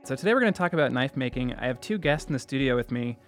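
A man's voice: medium pitch, lively intonation. A man hosting a show, narrating a scripted introduction and then interviewing guests. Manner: measured, deliberate intro delivery. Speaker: podcast host. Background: faint music.

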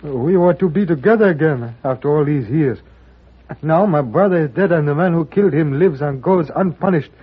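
An actor playing a grieving, polite servant man with a Chinese accent in a radio western, earnest and halting. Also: a little high, husky. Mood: aggrieved. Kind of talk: old radio western acting. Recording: dull old radio recording.

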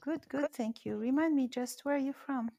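A woman's voice: high voice, slow pace, gravelly, dark tone, no echo. A woman hosting a live Arabic lesson in an audio chat app, patiently prompting and correcting a learner. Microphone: phone in an audio chat app.

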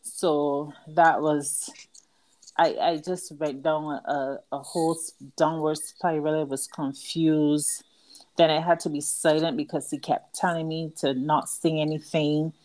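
Earnest Barbadian woman, lowish voice. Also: flat delivery, a little slow, darkish tone. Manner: earnest, personal storytelling. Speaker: guest, author. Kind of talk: interview. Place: outdoors at night with crickets. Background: crickets.

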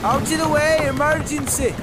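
An actor playing a commanding male dock hand shouting urgent orders in an audio drama. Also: extremely high pitch, fairly even intonation, normal speed. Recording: loud wind and boat noise.

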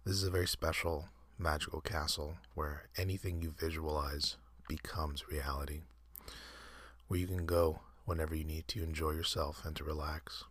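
A man hosting an ASMR channel, leading a soft, halting whispered guided meditation with many pauses and fillers. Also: a bass voice, fairly even intonation, husky, dry recording. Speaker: ASMR host.

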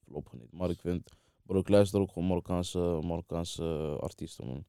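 A man with a low, mellow and clear voice chats casually in an interview. He speaks with a Moroccan-Dutch street accent, heavy on slang such as bro and wallah. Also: a little fast, no room sound, clean studio sound. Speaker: interviewed music artist. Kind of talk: casual chat.

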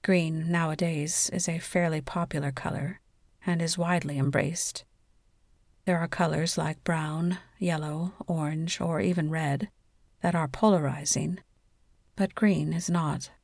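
Low-voiced woman narrating a sleep story. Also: steady tone, a little mellow, dry recording, studio quality. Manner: soothing, measured sleep story delivery.

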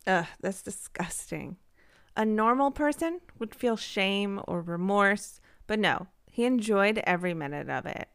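A woman's voice: medium pitch, animated, moderate pace, hardly any pauses, a bit bright, clean tone, no echo. Woman reacting on a dry-sounding podcast. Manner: reacts with disgust and asks questions. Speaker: podcast co-host. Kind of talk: casual true crime podcast chat.

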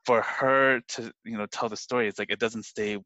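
A man hosting an interview podcast, talking earnestly and haltingly, often restarting his phrases. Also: mid-range voice, fairly even intonation, bright, forceful tone, no echo, lo-fi sound. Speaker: podcast host. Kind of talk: conversational interview.

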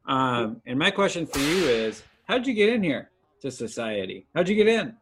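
A man voicing a snooty male society-press reporter who talks in a slow drawl. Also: fairly high pitch, big pitch swings, breathy edge.

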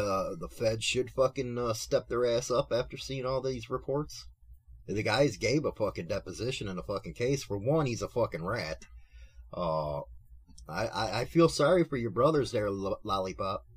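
A man's voice: lowish voice, moderate pace, husky. A man hosting a talk show in casual, opinionated chat, swearing freely in a mocking way. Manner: profane, mocking.

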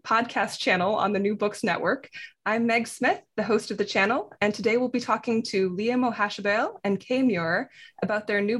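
A woman with a husky voice, interviewing guests conversationally and encouragingly as a podcast host. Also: on the high side.

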